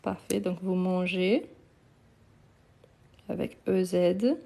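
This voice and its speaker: A woman's voice: on the low side, steady tone, slow, creaky, dark tone. A woman teaching French on a live online lesson. She speaks patiently, repeats each word and often praises her learners.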